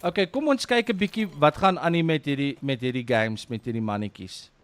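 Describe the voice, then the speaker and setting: Male game streamer, South African accent, mid pitch, casual and slangy live commentary. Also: fairly quick, fairly bright tone. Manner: informal, slangy. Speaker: livestream host and game commentator.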